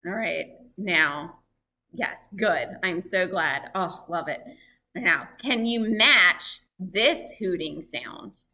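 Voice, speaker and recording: A woman presenting a live, lively lesson for families, chatting and asking her audience questions. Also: on the low side, slow pace. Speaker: library program presenter on birds.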